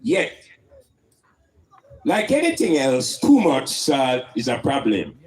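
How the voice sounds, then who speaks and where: A man's voice: mid-range voice, wildly swooping pitch, takes it slowly, a little mellow, rough recording. A man with a Jamaican accent speaking in Rastafarian style, preaching and teaching emphatically with rhetorical questions and Rastafari idioms.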